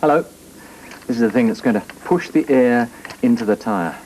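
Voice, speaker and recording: A man's voice: medium pitch, far from the mic, noisy background. A middle-aged man with an Australian accent, presenting a children's TV show and patiently explaining things to young viewers in a 1980s studio recording. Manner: slow, lively, patient, child-directed.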